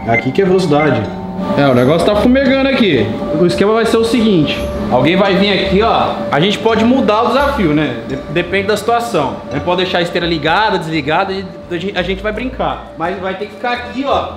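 High-pitched Brazilian man in an echoey room. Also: big pitch swings, fairly quick, noisy background. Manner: informal, slangy. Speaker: challenge host. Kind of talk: casual vlog chat with friends. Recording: echoey room, music behind. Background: background music.

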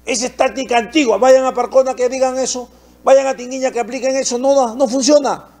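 A man's voice: very high-pitched, flat delivery, a little fast, mellow. A man with a Peruvian accent, hosting a TV opinion show and giving indignant political commentary full of rhetorical questions. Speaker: TV opinion host.

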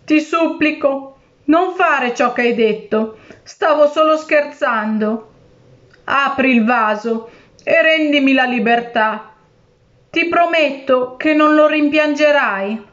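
A woman reading a spoken storybook voices a cruel, tricky male genie, pitching him somewhat high and unhurried, shifting from threatening to wheedling. The mood here is pleading, and the recording sounds a bit dull and lo-fi.

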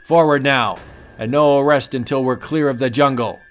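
A man's voice: medium pitch, steady tone, normal speed, smooth, faint music behind, natural voice. A man voicing a cruel, obsessed male big-game hunter with an arrogant, domineering manner. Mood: commanding. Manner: arrogant, domineering, later panicked.

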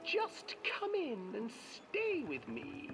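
A shrill old witch coaxes in a high, sweetly wheedling voice that swoops about wildly. Music plays clearly behind her, as in a horror video game. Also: wildly swooping pitch, slow pace, heavily acted. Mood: sweet luring. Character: scheming old female witch luring children.

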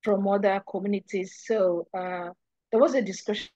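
A woman speaking haltingly with many fillers in an online meeting, her call audio breaking up and dropping in and out. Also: medium pitch, steady tone, mellow, no echo, highs cut off. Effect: choppy call audio, volume dropping in and out. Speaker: working group meeting participant. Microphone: computer or phone mic on a video call.

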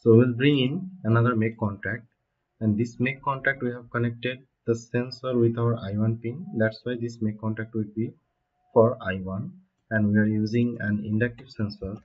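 A man's voice: medium pitch, moderate pace. A man in his thirties giving a step-by-step technical tutorial from a desk in a small room. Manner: steady step-by-step explaining. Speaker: automation instructor. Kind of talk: screen-recorded technical tutorial. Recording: dull lo-fi home recording.

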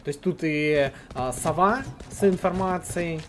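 A man giving live play-by-play esports commentary, with halting phrases as he follows the action. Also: on the high side, music in the background. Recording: clear noise, clicks, game sounds.

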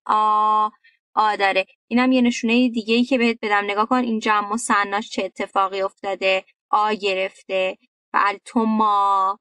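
Lively Persian-accented woman teaching grammar. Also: a little high, dry recording, clean studio sound, distant mic. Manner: lively and emphatic, addresses students directly, recites verb conjugations. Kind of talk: online video lesson.

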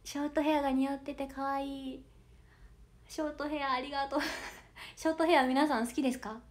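She's an idol audition hopeful in her early twenties, chatting on her livestream with a gentle Kansai Japanese accent and laughing often between viewer comments she reads out. The voice is high, bright and youthful, with fairly even intonation and a brisk pace.

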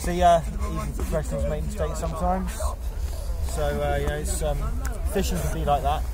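A young man vlogging outdoors on a rocky shore, talking in a rambling, deadpan way with fillers and restarts. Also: fairly high pitch, fairly quick, crowd noise. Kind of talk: jokey outdoor vlog.

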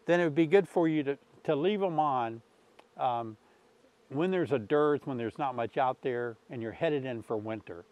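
A beekeeping channel host in his sixties talks through a casual instructional vlog outdoors by his beehives, friendly and easygoing with fillers. His medium-pitched voice comes through a lapel mic in a dry recording.

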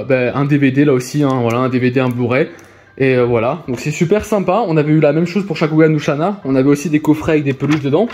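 A chatty man walks through his haul in a casual vlog, repeating himself and filling gaps with little hesitations. His voice sits a touch high for a man, and faint music plays underneath. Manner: chatty, many fillers and repeats, excited. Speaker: vlogger showing convention purchases.

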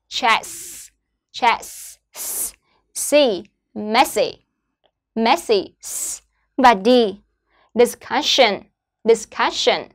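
A woman teacher from Vietnam who leads children through an online English lesson, and her voice sits a little high. She speaks each English word slowly and carefully, repeats it, and then explains it in a patient classroom manner. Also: a bit bright. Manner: slow clear modeling of English words, then explaining.

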